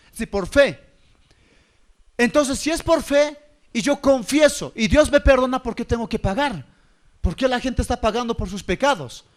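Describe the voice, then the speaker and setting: High-voiced preacher, questioning. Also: male voice. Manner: preaching with rhetorical questions and a repeated "¿ya?" check-in. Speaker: pastor. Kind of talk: sermon.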